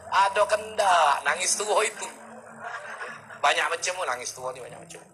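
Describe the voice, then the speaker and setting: A man's voice: a little high, bright, forceful tone, low-quality recording. A male preacher, giving a humorous sermon full of stories and acted-out quotes. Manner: jokey storytelling with acted-out quotes.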